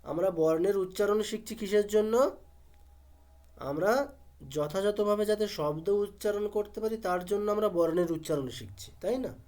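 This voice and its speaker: A man teaching pronunciation step by step. He asks and answers his own questions and drills each sound slowly. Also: high voice, a little mellow.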